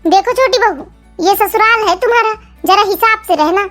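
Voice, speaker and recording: A woman's voice: very high-pitched, normal speed, fairly bright tone, faint music behind. A woman doing a wailing old mother-in-law. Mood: scolding. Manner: wailing, lamenting, scolding. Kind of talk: cartoon family drama voice acting.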